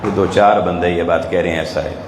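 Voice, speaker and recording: A man's voice: low-pitched, steady tone, noisy background. A man with a Pakistani Urdu accent giving a sermon to a live audience, pressing them with rhetorical questions. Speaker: religious speaker. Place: event hall with an audience. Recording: echoey hall, faint ambience.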